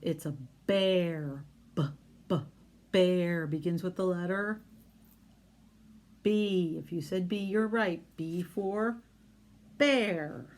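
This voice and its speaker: A woman teaching young children phonics, slowly modeling sounds in an exaggerated way and asking encouraging questions. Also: lowish voice, darkish tone. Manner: encouraging, question-and-answer talk with pauses.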